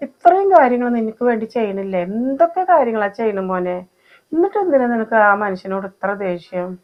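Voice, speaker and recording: A woman's voice: medium pitch, steady tone, brisk, natural voice. A woman with a Malappuram Malayalam accent playing a worried mother who pleads with and scolds her grown son in an amateur family short film. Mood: scolding. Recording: slightly dull lo-fi recording. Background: faint music.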